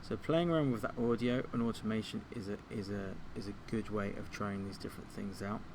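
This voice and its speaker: A man with a fairly low, steady voice gives a brisk, informal step-by-step software tutorial as a music tutor, thinking out loud somewhat hesitantly. The background is noisy.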